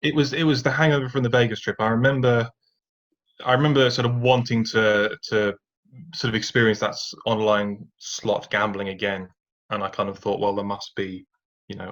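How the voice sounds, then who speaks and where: Dull, lo-fi audio captures a man guesting on a podcast as he tells his personal story thoughtfully. His lowish voice is flat, fairly quick and fairly bright, and he uses lots of fillers and restarts along with occasional rueful laughter.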